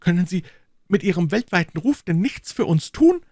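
A man voicing a frantic, breathless middle-aged headmaster in an audiobook, pleading in a high, agitated voice. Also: big pitch swings, moderate pace, darkish tone, dry recording, clean studio sound, heavily acted. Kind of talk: audiobook reading.

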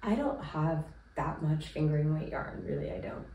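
For her knitting podcast, a woman in her thirties who is sick and congested chats casually to camera from a small room at home, speaking at a moderate pace in a low-pitched voice. Her talk is relaxed and rambling, dotted with ums and likes. A camera at a distance gives roomy, distant sound with a little hiss or hum.

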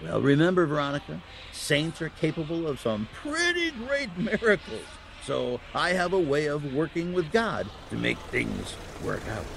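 Kindly old Santa voiced by a man, storybook saint for family audio drama; gravelly, higher-set, swooping delivery. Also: big pitch swings, normal speed, few pauses, a little hiss or hum, exaggerated voice. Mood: kindly, knowing. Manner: gentle, explanatory, storytelling.

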